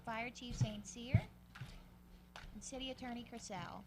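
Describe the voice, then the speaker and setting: A woman acting as city clerk, calling the roll in a brisk, formal way. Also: a little high. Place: city council chamber. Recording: loud crowd noise in the room.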